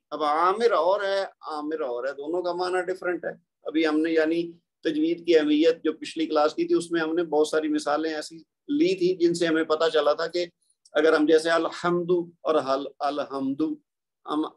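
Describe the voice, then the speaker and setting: A man with a Pakistani Urdu accent gives a patient tajweed lesson, his voice sitting a little high. He explains each point calmly and draws out letter sounds slowly so students can copy them. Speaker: Quran recitation teacher.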